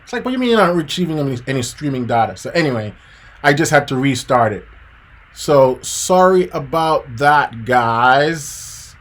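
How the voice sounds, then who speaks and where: A Jamaican man in his thirties, a piano teacher, live-streams a motivational lesson in a mid-range, fairly bright voice with lively intonation and normal speed. He's casual but preachy, calling viewers "guys" and "man" and going over his key points repeatedly.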